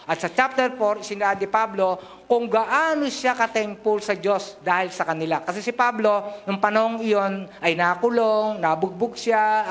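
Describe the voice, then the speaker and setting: Speaking into a handheld mic in a large church hall, a middle-aged pastor from the Philippines delivers a sermon in a high, slightly bright voice. He switches between Tagalog and English and jokes with the congregation.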